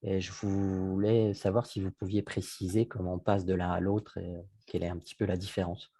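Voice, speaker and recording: A man's voice: low-pitched, level tone, a little fast, mellow, slightly rough, dry recording. A man, a public official, putting a spoken question to the panel of an online webinar. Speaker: audience member, public health official asking a question.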